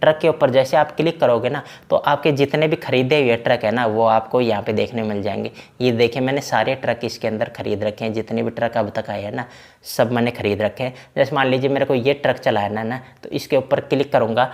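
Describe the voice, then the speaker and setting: A man talks the viewer through a truck game's menus in an easy, chatty tutorial manner, with fillers tumbling in. His voice sits at a middling pitch with a gravelly, creaky edge. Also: steady tone, fairly quick. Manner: chatty, repeats fillers like "na" and "bhai". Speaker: game tutorial creator. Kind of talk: casual screen-recorded game walkthrough.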